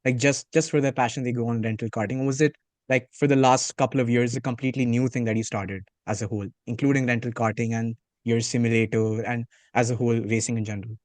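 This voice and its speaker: A man's voice: medium pitch, steady tone, quick pace, darkish tone, dry recording. A man hosting a podcast, opening formally and asking long rambling questions. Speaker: podcast host.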